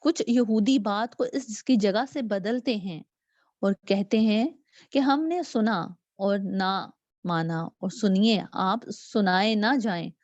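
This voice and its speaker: A woman's voice: mid-range voice, lively intonation, slow pace, darkish tone, no echo. A woman giving a religious lecture, explaining step by step and reading scripture translations aloud with hesitant fillers. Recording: dull, dry lo-fi recording.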